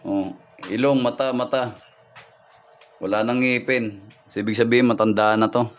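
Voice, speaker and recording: A man's voice: mid-range voice, fairly even intonation, moderate pace, soft background music. Man reading signs on a livestream. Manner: repetitive, thanks viewers by name, points things out. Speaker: folk healer livestreaming readings. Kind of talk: live-stream reading and viewer shout-outs.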